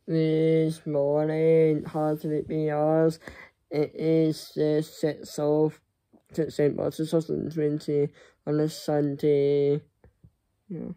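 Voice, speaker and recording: A young man chatting casually to camera in a halting, rambling way that often trails off. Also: on the high side, creaky, warm tone. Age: young adult. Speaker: vlogger. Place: small furnished room indoors. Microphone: phone at arm's length.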